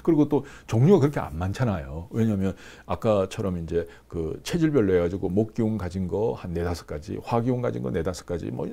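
Man in his fifties, lecture to camera, gravelly, lively pitch, lapel mic. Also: a little fast, hardly any pauses. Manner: explanatory, repetitive fillers, gestures with hands. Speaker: business course instructor. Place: small indoor studio with screen backdrop.

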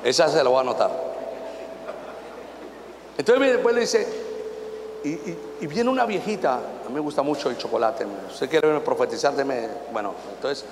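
Preacher, man, folksy and theatrical, fairly high voice, booming church reverb. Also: lively intonation, normal speed, long pauses, noisy background. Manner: folksy storytelling, acts out anecdotes, rising to shouted exhortation. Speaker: apostle preaching to pastors. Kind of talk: conference sermon. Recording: echoey hall reverb, faint ambience.

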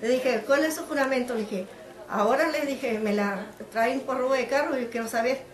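This is a middle-aged woman from Mexico, recounting events in a lively way and slipping into the voices of the people she quotes. Her voice sits a bit high, and the recording has a noticeable room echo. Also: normal speed, slight background noise. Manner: animated storytelling, acting out quoted dialogue. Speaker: interviewee, mother of the detained woman. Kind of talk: emotional personal account. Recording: echoey room.

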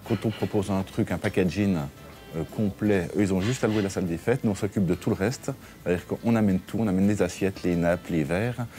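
Deep-voiced restaurant owner, relaxed and chatty. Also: male voice, fairly quick, soft background music. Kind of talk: interview. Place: his restaurant dining room.

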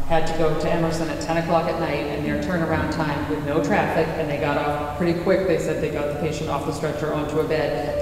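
A man with a somewhat high voice reports facts plainly at a public meeting. The room is very echoey with a long hall reverb. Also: darkish tone, slight background noise. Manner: matter-of-fact reporting.

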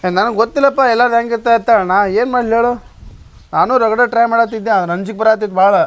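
A man as a rapid-talking timid young husband, North Karnataka Kannada accent, background noise. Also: very high-pitched, steady tone. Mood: pleading. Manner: pleading, nervous. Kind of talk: village comedy skit. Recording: noisy background.

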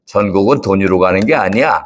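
Gentle angel, a man voicing him for a church puppet show; low, slow and fatherly. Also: expressive. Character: gentle, kindly angel from heaven.

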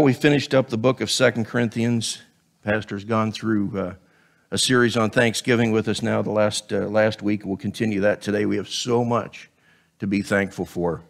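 A guest preacher with a scratchy, lowish voice and vocal fry delivers a sermon from a church pulpit, wearing a headset mic. He keeps it conversational, dropping joking asides between passages of scripture.

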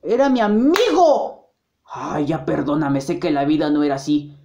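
A woman with a Mexican accent doing a crude, playful, slangy amateur parody dub of animated films. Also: low voice, moderate pace, background noise. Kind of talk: improvised amateur parody dub of animated film clips, all roles by one voice. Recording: roomy, echoing home recording.

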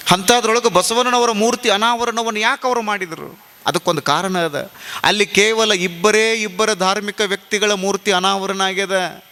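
A man's voice: sits high, pushed and bright. A man with a North Karnataka Kannada accent, preaching a storytelling sermon to a seated audience with dramatic, emphatic delivery and repeated phrases. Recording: noisy live sermon recording.

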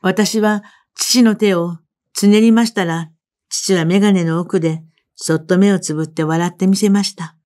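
A woman narrating a literary story in the first person, in a measured reading voice. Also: medium pitch, steady tone, a little mellow. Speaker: reader.

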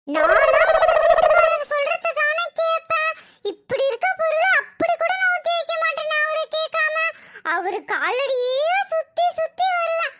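A woman's voice: very high voice, very noisy. A woman voicing a scheming, gossipy village neighbor who talks in a sly, dramatic, wheedling way. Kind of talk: cartoon voice acting.

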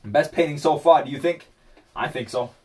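A man's voice: a little high, moderate pace, darkish tone, recorded from a distance. A man vlogging casually while he paints, rambling and talking to himself.

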